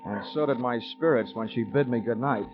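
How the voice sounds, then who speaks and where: In a 1940s radio drama, a male actor voices a wisecracking, world-weary insurance investigator, delivering wry first-person narration in a deadpan manner. His voice is medium in pitch and a little fast, only lightly acted. The old radio recording sounds dull, with music playing behind him.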